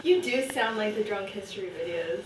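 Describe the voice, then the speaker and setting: A woman's voice: mid-range voice, fairly quick, far from the mic. A woman student at a casual gathering, reading a message aloud in a mock-formal tone. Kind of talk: casual party chat. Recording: roomy, off-mic, with background noise.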